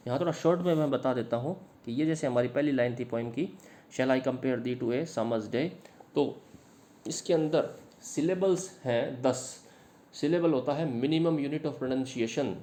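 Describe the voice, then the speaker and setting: A man who teaches English literature, explaining a sonnet in Hindi to students and reading English lines slowly. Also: mid-range voice, warm tone. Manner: explains in Hindi, slow English phrases read aloud; addresses students directly. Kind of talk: Hindi lecture on an English poem.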